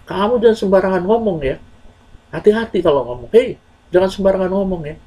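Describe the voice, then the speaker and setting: A man's voice: sits high, a little fast, warm tone, husky, pitched above the performer's own voice, rough recording. A man voicing a remorseful truant teenage boy, crying and pleading. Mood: angry. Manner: wailing, pleading, tearful.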